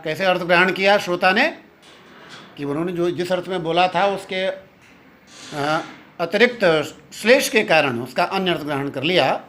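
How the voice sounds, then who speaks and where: A male Sanskrit literature teacher giving a classroom lecture, explaining step by step and chanting verses slowly, with pauses mid-sentence. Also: a little high, fairly bright tone. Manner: many fillers and restarts, pauses mid-sentence.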